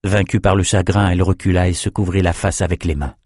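Guy reading a fantasy audiobook, lowish voice, dry close sound. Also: flat delivery, fast talker, darkish tone, no echo. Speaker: narrator. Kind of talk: scripted audiobook narration.

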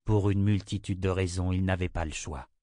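A man giving a scripted audiobook narration of a novel, in an even, literary reading style. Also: sits low, moderate pace, no room sound, clean studio sound.

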